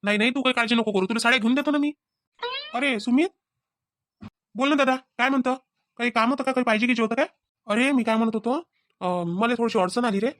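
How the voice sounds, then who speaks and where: A woman's voice: on the high side, fast talker, long pauses, a bit bright, dry recording, clean studio sound, lightly acted. A woman voicing a young cartoon husband who keeps questioning and pleading. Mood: anxious. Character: young husband short of money.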